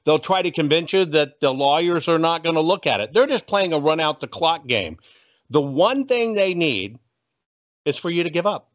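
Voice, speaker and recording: American man, very lively intonation, preachy, folksy, punchy political pep talk, dull lo-fi sound. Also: fairly high pitch, normal speed. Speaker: political activist guest. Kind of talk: motivational political commentary. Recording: dull, muffled lo-fi audio.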